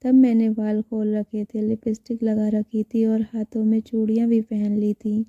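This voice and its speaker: A woman narrating a scripted story in a calm, even manner, in a dull, muffled recording. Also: a little high, normal speed, no echo.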